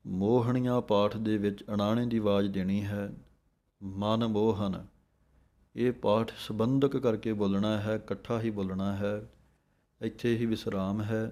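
A man teaching scripture recitation, chanting verses slowly and drawn out, then explaining how each word should be pronounced. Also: lowish voice, mellow. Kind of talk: slow recitation lesson with pronunciation notes.

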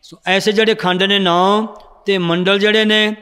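A male religious teacher explains verses and tells stories to his class. His voice is high and smooth, with a resonant clarity. A long reverb rings through the hall around him. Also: flat delivery, moderate pace, bright, forceful tone. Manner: explanatory, storytelling, corrects students' recitation. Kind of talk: scripture lesson with storytelling.

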